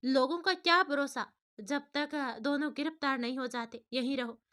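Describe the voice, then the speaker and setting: A woman voicing a kind, motherly middle-aged woman who speaks in a warm, coaxing way. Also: high voice, moderate pace.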